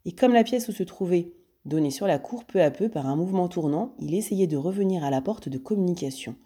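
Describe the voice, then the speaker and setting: A woman teacher reading a novel aloud to children, pausing to recap the plot and explain words. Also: on the low side, expressive, mellow, slightly rough.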